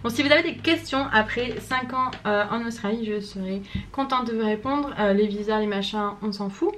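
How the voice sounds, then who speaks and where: A woman's voice: a little high, normal speed, fairly bright tone, slight background noise. Chatty young French woman, slangy. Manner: chatty, slangy, laughs often. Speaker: vlogger. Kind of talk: casual chat to camera.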